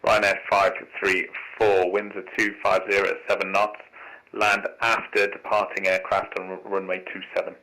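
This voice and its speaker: Bright, low-voiced male tower controller on radio. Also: monotone, normal speed, low-quality recording. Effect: aviation radio. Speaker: air traffic tower controller. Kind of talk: air traffic control instructions over radio.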